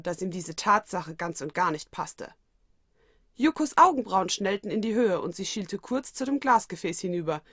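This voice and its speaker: A woman narrating a fan fiction story in a steady storytelling voice. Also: medium pitch, no echo, clean studio sound. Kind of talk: audiobook reading of fan fiction.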